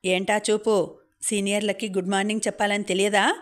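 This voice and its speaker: A woman's voice: medium pitch, flat delivery, a little fast, lightly acted. A woman reading the parts of teasing male college seniors in an audiobook, speaking in a mocking, bossy way.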